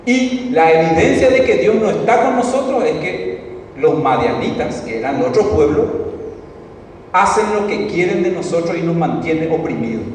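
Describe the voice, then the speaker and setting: A male preacher gives a lively sermon in a high, expressive voice and acts out the lines of the people in the story. He is recorded from across a large, echoing hall with a long reverb tail. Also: normal speed, a little hiss or hum. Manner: animated, acts out the characters' lines. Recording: echoey hall, picked up from a distance.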